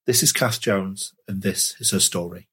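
A man's voice: deep voice, moderate pace, fairly bright tone, slightly rough. A man hosting a podcast interview, chatty and friendly, often restarting his phrases. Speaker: podcast host. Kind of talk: casual interview.

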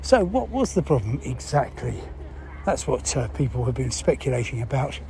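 A presenter with a mellow, relaxed, mid-range voice explains a news story to listeners, unscripted. He speaks haltingly, thinking aloud and posing his own questions before answering them, with clear background noise behind him.

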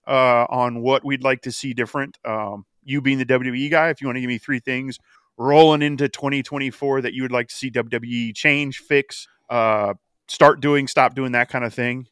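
Male co-host, relaxed chat with halting phrasing, clean resonant voice, dry sound. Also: medium pitch, smooth, no room sound. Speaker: podcast co-host. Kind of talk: casual chat.

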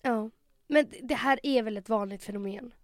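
A woman's voice: fairly high pitch, no room sound, clean studio sound. A young Swedish-speaking woman co-hosting a podcast, telling a story animatedly in casual chat and acting out the quotes. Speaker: podcast co-host.

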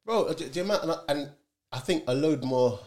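A man's voice: on the high side, animated, brisk, darkish tone. A man with a London roadman accent interviewing in casual chat, using slang like "fam", "bruv" and "bro". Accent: London roadman, south London street slang.

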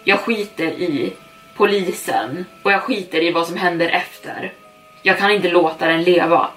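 A worn-out, anxious young woman on the edge of mania, as a woman narrator voices her. Her voice is fairly low and comes from a little way off the mic. Faint music runs beneath it. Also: fairly bright tone, distant mic, close to an everyday voice, rough recording. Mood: tense. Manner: tense, anxious and manic. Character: frightened, worn-out young woman, turning desperate.

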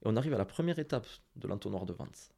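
A man with a Toulouse accent, a guest on a podcast, giving direct and lively marketing advice straight to the listeners. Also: on the low side, fast, vocal fry. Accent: Toulouse (southern French). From Toulouse, France. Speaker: guest, Instagram marketing expert. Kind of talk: casual podcast interview.

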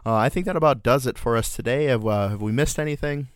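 A man's voice: mid-range voice, quick pace, dry recording, clean studio sound. A man co-hosting a casual comedic podcast, rambling sardonically and swearing freely. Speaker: podcast co-host.

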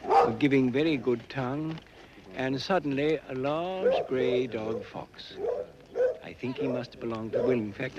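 A man's voice: mid-range voice, highs cut off. An older man, once a huntsman, reminiscing in a rambling storytelling way. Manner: rambling storyteller, lively rises and drops. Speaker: retired huntsman. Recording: very noisy old recording.

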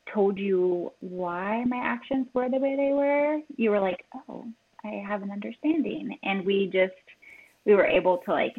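A woman's voice: mid-range voice, creaky, slightly rough. A woman guest talks earnestly, giving direct and heartfelt advice. Her voice comes through a thin, tinny phone line. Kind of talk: casual chat.

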